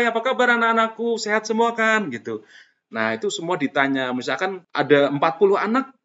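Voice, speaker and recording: A man's voice: a little high, fairly bright tone. A man giving a casual, chatty tutorial to teachers, explaining step by step with lots of fillers. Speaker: teacher trainer. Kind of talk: casual screen-recorded tutorial. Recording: dull lo-fi sound.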